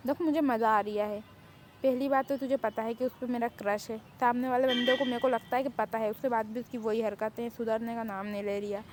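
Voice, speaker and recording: A woman's voice: a little high, steady tone, a little fast, slight background noise, lightly acted. A woman voicing a cheeky, boastful young woman who loves to pester everyone. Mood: teasing. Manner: brash, teasing, boastful.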